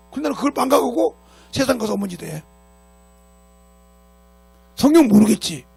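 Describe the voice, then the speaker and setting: A male pastor preaching in a church with a raspy, gravelly voice. His pitch sits high and swings widely as he scolds and drives his points home with rhetorical questions. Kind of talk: sermon. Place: church sanctuary.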